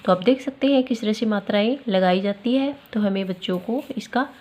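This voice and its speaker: A woman teaching a children's lesson, speaking clearly and stressing each syllable as she recites letters. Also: mid-range voice, a little fast, darkish tone.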